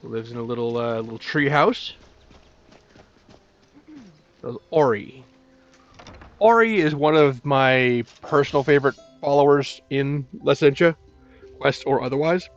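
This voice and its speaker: A man's voice: medium pitch, unhurried, pauses often. A man hosting a casual let's play, chatty and jokey with folksy turns of phrase. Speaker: YouTube gaming host. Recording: dull audio with music behind. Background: game music.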